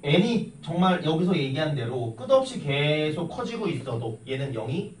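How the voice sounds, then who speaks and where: A young man teaching math in a classroom, chatty and animated, telling stories and tossing questions at his students. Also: on the high side, normal speed. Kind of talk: classroom lecture with storytelling. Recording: echoey classroom from a distance with faint noise.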